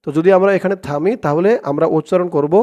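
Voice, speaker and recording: A man teaching prayer recitation, spelling it out letter by letter and chanting each word slowly and drawn out. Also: fairly high pitch, fairly even intonation, a little mellow. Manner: slow, drawn-out chanting of the Arabic words, brisk plain explanations between.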